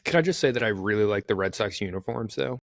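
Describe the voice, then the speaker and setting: A man co-hosting a sports podcast in casual chat, wry and teasing with quick deadpan asides. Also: fairly low pitch, creaky. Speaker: podcast co-host.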